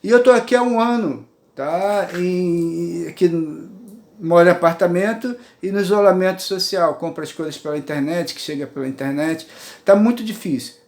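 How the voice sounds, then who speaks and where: In an echoey room, a man with a high, darkish voice speaks at a moderate pace. He's a poet and writer in his sixties with a Brazilian Portuguese accent, offering an earnest, rambling monologue of his views from his apartment and regularly checking in with listeners.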